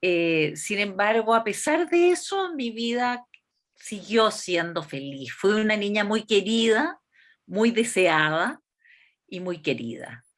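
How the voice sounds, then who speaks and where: Woman, 60s, Chilean accent, slow, thoughtful, interview guest. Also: medium pitch, big pitch swings. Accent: Chilean Spanish. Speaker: interviewee, constitutional delegate. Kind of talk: reflective interview talk.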